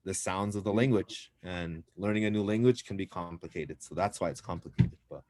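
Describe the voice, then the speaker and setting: A man's voice: sits low, fairly quick, darkish tone, dry recording. A man teaching a language class, patiently explaining pronunciation step by step.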